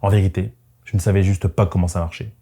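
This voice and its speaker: Over background music, a man reads scripted first-person narration for a motorcycle vlog in a reflective, conversational way. His voice is deep, dark and husky, with fairly even intonation and a fast delivery.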